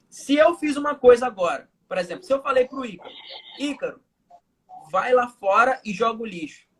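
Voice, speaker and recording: Husky guy w a manaus accent, chatting on a video call, tells little stories to make his point. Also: extremely high pitch. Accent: Manaus Brazilian Portuguese. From Manaus, Brazil. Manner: storytelling with everyday examples. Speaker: hypnotherapist guest. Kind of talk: casual explanatory live chat.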